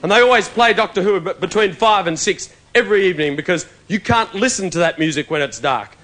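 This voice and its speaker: A man doing comic monologue and sketches, lively and jokey, on a noisy old VHS tape. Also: high-pitched, fast. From Australia. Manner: animated, jokey, doing voices. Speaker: comedian. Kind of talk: stand-up and sketch comedy.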